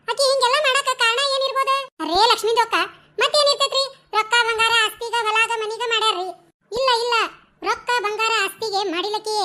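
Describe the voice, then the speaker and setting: A woman voicing several cartoon village women caught in a family quarrel, speaking with a North Karnataka Kannada accent in fast, chattering village talk. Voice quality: very high, bright and shrill. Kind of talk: cartoon dialogue acting.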